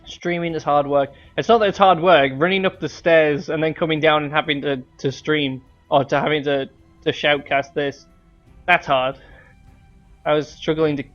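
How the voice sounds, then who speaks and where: A young man shoutcasts an online game match from his room, still catching his breath after a dash up the stairs. His voice sits a touch high, and he rambles through fillers and restarts. Faint music plays underneath. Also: flat delivery, moderate pace, highs cut off. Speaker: shoutcaster and streamer. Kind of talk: live game commentary.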